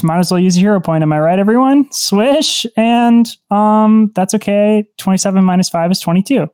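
Mellow dude at a game table, goofy playful commentary, dry close sound. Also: male voice, high-pitched, moderate pace, clean tone, no room sound. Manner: playful, throws in sound-effect words. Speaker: tabletop roleplaying game player.

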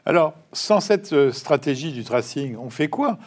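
A man who hosts an interview podcast and asks direct, brisk questions. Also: a little high, expressive, a little mellow. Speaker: host.

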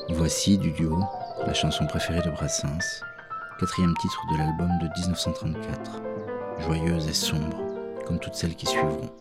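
A man giving a scripted storytelling narration in a measured way. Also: very deep voice. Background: music.

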